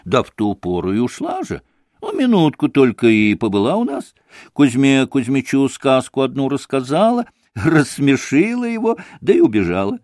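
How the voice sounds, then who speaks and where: A man voicing a sharp-tongued old female servant in an audiobook, shrill and folksy. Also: huge pitch swings, normal speed, no room sound, studio quality. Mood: scolding, gossipy.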